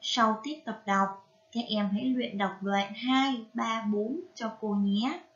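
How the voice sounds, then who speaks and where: A woman with a Vietnamese accent teaching a reading lesson to young children, spelling out syllables carefully and prompting them gently. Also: fairly high pitch, slow, lo-fi sound. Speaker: primary school teacher.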